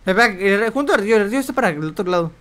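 A young man streaming a video game, commenting excitably, swearing often and yelping when startled. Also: high-pitched, very fast. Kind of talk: let's play commentary.

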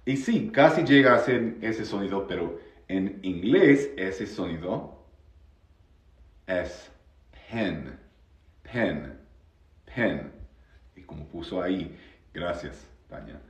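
Deep-voiced guy teaching sounds on a live stream, explains in spanish, repeats words a lot, roomy echo. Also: sing-song, takes it slowly. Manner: explains in Spanish, drills English sounds with repetition. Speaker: English teacher. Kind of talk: live-stream pronunciation lesson.

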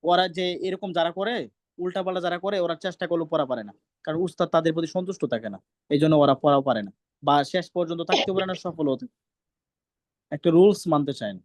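A man's voice: on the high side, fast talker, darkish tone, no room sound. A man teaching Quran recitation, drilling letter sounds over and over and sternly scolding students who talk over him. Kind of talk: online class teaching pronunciation.

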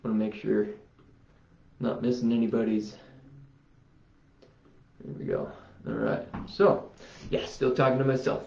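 A man's voice: fairly low pitch, flat delivery, creaky, warm tone. A man vlogging casually as he demonstrates a self-healing routine, rambling and talking to himself as he goes. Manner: unhurried, rambling, talks to himself. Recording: roomy, dull lo-fi sound.

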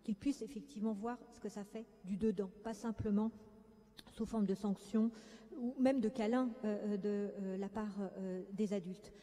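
A woman's voice: medium pitch, fairly even intonation, normal speed, dark tone. A woman clinical psychologist giving a conference talk, speaking hesitantly with many fillers. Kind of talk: conference lecture. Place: conference hall. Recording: echoey conference hall.

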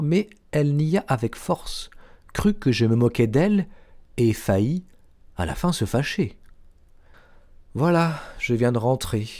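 Man reading an audiobook, expressive, mellow warm voice, lots of melody. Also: mid-range voice. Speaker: audiobook reader. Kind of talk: scripted narration.

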